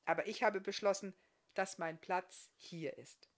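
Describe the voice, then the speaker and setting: A woman reading aloud, voicing a kind, ugly circus man with a calm, decided manner. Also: medium pitch, unhurried, close to an everyday voice.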